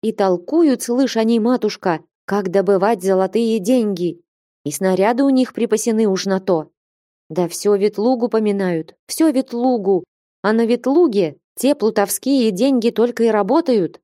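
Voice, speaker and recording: A woman's voice: medium pitch, normal speed, mellow, dry recording, clean studio sound, pitched above the performer's own voice, lightly acted. A woman voicing a humble, anxious old nun treasurer in an audiobook, pleading and lamenting. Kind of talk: audiobook character reading.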